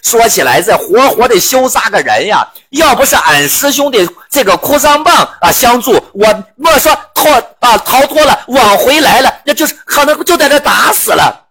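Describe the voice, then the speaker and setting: A man's voice: very high-pitched, sing-song, moderate pace, few pauses, pushed and bright, husky, voice pushed up, full character voice. A man voicing a greedy, bumbling male pig monk who whines and complains. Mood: whiny. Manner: whiny, complaining.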